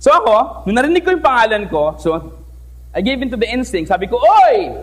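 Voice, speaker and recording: A young man from the Philippines speaks to an audience from a stage microphone, telling a story in a lively, joking way. His voice sits high for a man and rises and falls widely. He keeps drawing the crowd in with quick questions. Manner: lively, playful, switches between languages, asks the audience questions. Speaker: teacher giving a talk. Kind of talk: storytelling speech to a live audience. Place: stage in an event hall.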